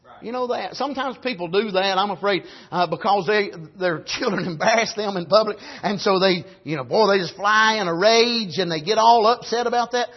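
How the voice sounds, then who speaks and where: A dull, lo-fi recording of a male preacher with an Appalachian accent. His voice is very high for a man and rough with huskiness. He delivers a folksy, storytelling sermon, circling back over his phrases. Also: a little fast. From rural United States, grew up on a farm. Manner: punctuates phrases with "amen", repeats and restarts phrases for emphasis.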